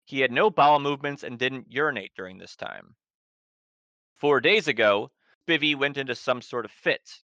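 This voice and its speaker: A man's voice: medium pitch, normal speed, pushed and bright, dry recording, lo-fi sound. Man doing a terse male government handler. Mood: grave. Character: male government agent briefing a team.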